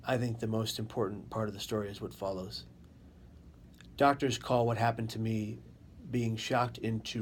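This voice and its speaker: A man telling his own story as an interview guest, in deliberate, dramatic short phrases that he repeats for emphasis. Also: on the low side. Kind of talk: personal testimony in an interview. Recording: faint background noise.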